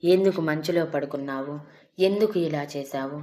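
A woman's voice: low voice, normal speed, mellow, close to an everyday voice. A woman voicing a tearful young woman who pleads with and scolds the man she loves. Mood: scolding. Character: tearful frightened young woman, fiercely devoted.

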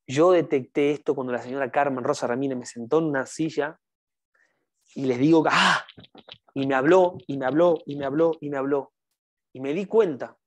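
A man giving a motivational network marketing training, speaking emphatically and repeating his key phrases to the audience. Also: mid-range voice. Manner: addresses the audience directly. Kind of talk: motivational seminar talk.

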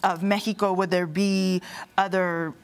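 A woman in her forties co-hosting a morning TV show, reacting quickly with enthusiasm and jokes. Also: fairly low pitch, level tone, clean tone. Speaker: co-host. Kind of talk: morning TV chat. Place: TV studio set.

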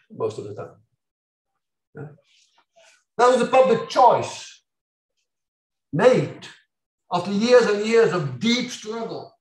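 An older man from Belgium giving an academic lecture, animated and ironic, with mocking asides and sudden loud outbursts. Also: sits high. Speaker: university lecturer. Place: lecture hall. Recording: echoey hall from far off.

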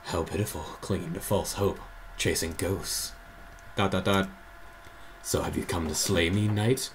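A man putting on the voice of a taunting female sorceress villain, low and hushed. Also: fairly even intonation, unhurried, a little hiss or hum. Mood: menacing.

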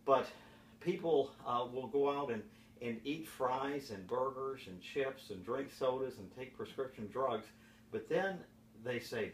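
In his sixties, a presenter pitches home health products to camera from a home office, informal yet deliberate and given to repeated rhetorical questions. His voice is mid-range, recorded by a camera mic across the room that sounds echoey and distant, with background hiss.

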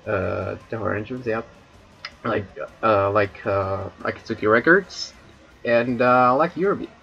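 A man's voice: on the low side, measured pace, creaky, highs cut off. A man from Chile with a Chilean Spanish accent, rambling and cracking crude jokes with chat on a casual debut livestream. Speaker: streamer.

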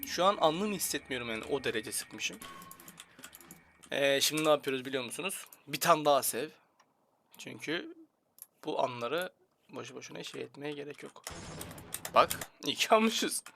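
A young man with a Turkish accent commentating his gameplay casually, joking and grumbling at the game with sudden loud outcries. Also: a little high, expressive, normal speed, gravelly, pauses often, a little hiss or hum. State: slight headache. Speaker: gaming YouTuber. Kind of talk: casual let's-play commentary. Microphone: headset.

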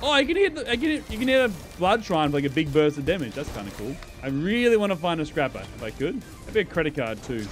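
A man giving casual gameplay commentary as a streamer, excitable, swearing and laughing as he talks to his chat. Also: sits high. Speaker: gaming YouTuber and streamer.

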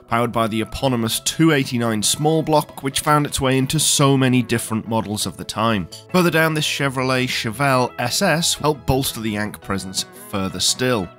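A man's voice: medium pitch, fairly bright tone. A man giving a scripted voice-over about cars at a show, enthusiastic and knowledgeable. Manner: enthusiastic, knowledgeable car commentary. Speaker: car show presenter. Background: faint background music.

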